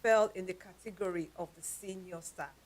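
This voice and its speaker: A woman with a Nigerian accent, telling her life story as an interview guest in a lively, laughing way. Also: lowish voice, moderate pace. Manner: animated storyteller, laughs often. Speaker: guest, company founder.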